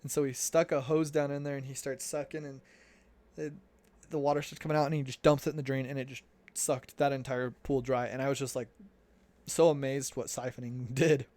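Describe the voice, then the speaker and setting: A young man recounting a personal story in a loose, casual way, full of fillers and restarts. His pitch stays mid-range and quite flat, moving little from line to line. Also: a little fast, no room sound. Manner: relaxed, chatty, with many fillers and restarts. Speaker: returned missionary storyteller.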